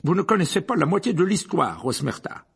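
A man's voice: on the high side, very animated, a little fast, vocal fry, slightly rough, voice pushed up, heavily acted. A man voicing a pompous middle-aged official who blusters and stammers. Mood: blustering. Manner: hesitant stammer, blustering, hushed at times.

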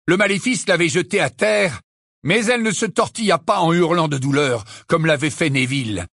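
An audiobook narrator reading a fantasy tale with dramatic, expressive delivery. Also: mid-range voice, normal speed, dry recording, studio quality. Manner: expressive, lively storytelling.

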